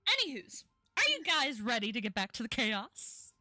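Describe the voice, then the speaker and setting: Bright, high-voiced woman game master. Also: sing-song, normal speed, no room sound, clean studio sound, faint music behind. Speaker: dungeon master. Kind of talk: running a tabletop game.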